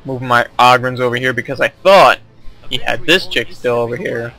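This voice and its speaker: A man's voice: mid-range voice, normal speed, pushed and bright, rough recording. Rambling young man commentating a game replay. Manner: rambling, self-correcting, laughs at himself. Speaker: gameplay commentator.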